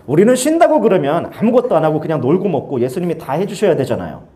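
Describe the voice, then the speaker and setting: A man delivers a lively youth sermon in a church, his voice sitting high and swinging widely in pitch. He tells the story with sound effects and acted-out lines, in a mellow, warm tone. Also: quick pace. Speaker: youth pastor.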